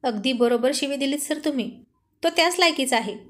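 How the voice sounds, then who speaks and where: A woman's voice: sits high, a little fast, fairly bright tone, slight background noise. A woman voicing a cheeky young male assistant. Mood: teasing. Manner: playful, teasing. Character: young man, cheeky loyal assistant who teases his boss.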